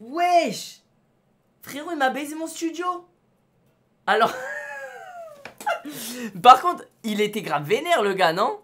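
A young man streaming live from his studio, talking to his chat in slangy, excitable bursts and shouting when things go wrong. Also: very high-pitched, a little slow, long pauses, slight background noise.

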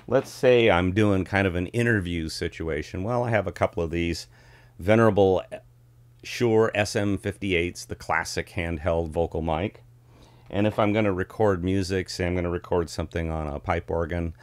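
Low-voiced man, warm ribbon-mic vlog. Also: no room sound. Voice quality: warm, rich tone of a vintage-style ribbon mic. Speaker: vlog host. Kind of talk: casual vlog talk. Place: small home studio with curtain backdrop. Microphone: studio ribbon microphone close in front.

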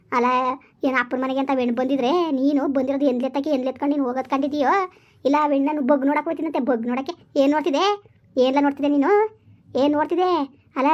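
A woman playing a furious village mother who scolds her grown son in shrill, rapid-fire curses in a rural comedy drama. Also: close to an everyday voice. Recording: dull lo-fi recording.

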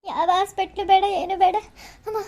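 A woman's voice: very high-pitched, steady tone, fairly quick, a little mellow. A woman voicing a dramatic, pleading elderly mother in a cartoon, wailing and begging. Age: older. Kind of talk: cartoon voice acting.

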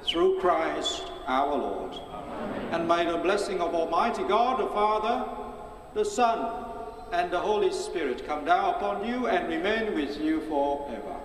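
A man presiding as bishop, praying the liturgy in solemn, measured phrases, with cathedral echo around his voice. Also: a little high, animated. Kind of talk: liturgical prayer, partly chanted. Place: large cathedral interior, heard with cathedral echo. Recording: distant mic in echoing cathedral, faint noise.

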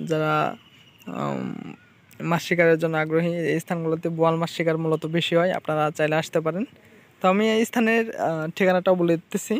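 A man from Bangladesh filming a casual fishing vlog outdoors by a river on a handheld phone, plainly pointing out spots to viewers and repeating himself. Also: fairly high pitch. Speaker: fishing channel vlogger.

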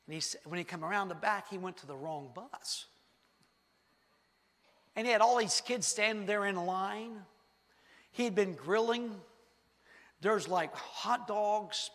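A preacher tells a story from the pulpit, asking the congregation questions and acting out scenes as he goes. His voice sits a touch high for a man. It rings through the long reverb of a church sanctuary. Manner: animated, rhetorical questions, acts out the story. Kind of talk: sermon with storytelling.

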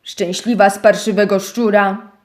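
Woman doing a gruff, sulky teddy bear. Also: medium pitch, little pitch movement, normal speed, pitched below the performer's own voice, lightly acted. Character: grumpy male teddy bear who thinks he is a rat. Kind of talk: children's audio story.

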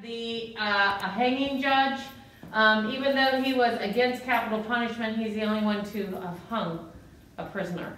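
A woman's voice: a little high, normal speed, fairly bright tone. A woman working as a museum tour guide, informally explaining exhibits in a hesitant, piecemeal way. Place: indoor museum rooms. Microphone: handheld camera, off-screen speaker. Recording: very echoey room, faint noise.

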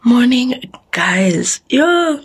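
A young woman from South Africa, talking to her camera in a casual vlog, chatty and rambling, with a husky, lowered morning voice. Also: very animated, extremely slow, noisy background. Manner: chatty, rambling, self-mocking. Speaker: vlogger.

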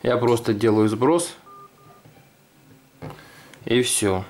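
A man's voice: mid-range voice, very slow, darkish tone, a little hiss or hum. A man hosting a casual hands-on tutorial video, talking through each step as he demonstrates. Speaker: video host. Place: indoors at a desk.

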